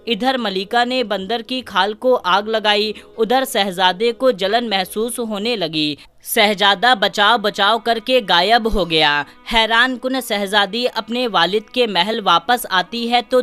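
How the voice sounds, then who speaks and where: Smooth-voiced woman telling a fairy tale. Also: mid-range voice, a bit bright. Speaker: storyteller. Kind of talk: scripted fairy tale narration.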